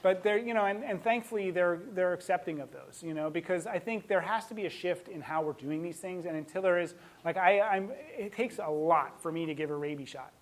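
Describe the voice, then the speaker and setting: Animated man giving a talk. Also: high-pitched, a little fast, few pauses, rough recording. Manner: animated, emotional storytelling, laughs often. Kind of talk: talk with audience.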